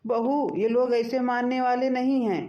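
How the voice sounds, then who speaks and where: A woman voicing an elderly, gruff, bossy grandfather in a cartoon, speaking in a grumbling, commanding way. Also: on the high side, flat delivery, moderate pace, warm tone, muffled recording, close to an everyday voice. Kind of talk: cartoon voice acting.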